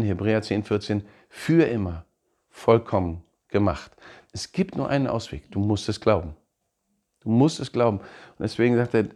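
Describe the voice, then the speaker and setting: A man preaching a sermon in an animated way, laughing now and then and acting out quoted voices. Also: fairly low pitch. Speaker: pastor.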